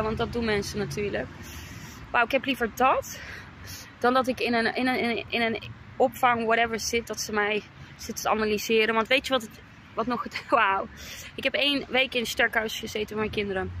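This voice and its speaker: A woman's voice: high-pitched, bright, forceful tone, a little hiss or hum, rough recording. A woman in her thirties vlogging emotionally to viewers, exclaiming often and slipping English phrases into her talk. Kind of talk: emotional personal vlog.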